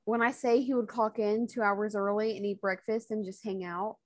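A woman's voice: medium pitch, little pitch movement, normal speed, no room sound. A woman co-hosting a podcast in casual chat, mostly backing up her partner with short replies and trading her own work stories. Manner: supportive listener, chiming in with short replies. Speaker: podcast co-host.

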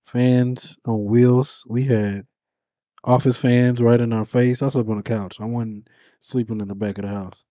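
A man in his twenties telling family stories on a podcast in a casual, animated way, swearing casually. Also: mid-range voice, normal speed, no echo, clean studio sound. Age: 20s. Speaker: podcast co-host.

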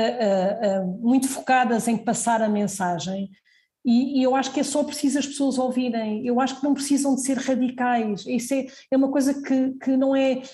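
A woman's voice: on the high side, warm tone. A woman doctor with a European Portuguese accent giving earnest advice in an interview, often restarting her sentences. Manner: earnest, advising, many restarts. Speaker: doctor guest. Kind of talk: casual interview answers.

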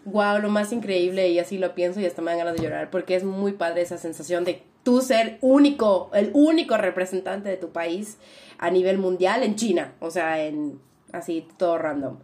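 A young Mexican woman with a Mexican accent, a guest in a casual interview, telling her story in an animated, reflective way and leaning on fillers. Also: on the low side, moderate pace.

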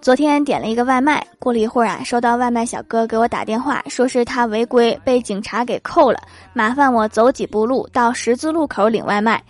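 Young female comedian, wry comic monologue, slightly high voice. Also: brisk, hardly any pauses, faint music behind. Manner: lively, wry storytelling.

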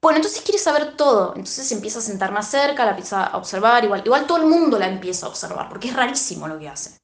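Argentine woman podcaster, lively storyteller, slightly high voice, roomy echo. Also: quick pace. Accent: Argentine Rioplatense Spanish. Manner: animated, acts out the characters' lines. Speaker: podcast co-host. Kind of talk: casual retelling of a story.

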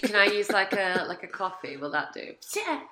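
A woman's voice: mid-range voice, very animated, moderate pace, background noise. A woman with a London accent, co-hosting a film podcast in casual chat, her voice echoing around a large hotel suite. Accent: London English. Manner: chatty, lots of "like", laughs easily. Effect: echoey sound of a huge hotel suite.

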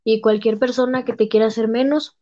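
A woman's voice: fairly high pitch, fairly even intonation, fairly quick, warm tone, lightly acted. A young woman retelling her father's reassuring words in her own voice, with a slightly muffled recording. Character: speaker's father, supportive, calm middle-aged man.

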